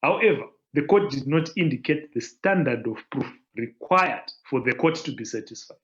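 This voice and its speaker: A man presenting as a law panelist in an online panel, explaining points in a measured, lecturing way over a video call. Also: mid-range voice, expressive, a bit bright, dull audio.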